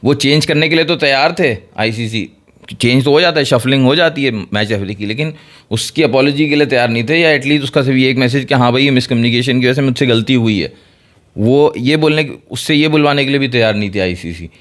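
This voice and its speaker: Man, cricket chat co-host, measured, explanatory, mid-pitched voice. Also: a bit bright.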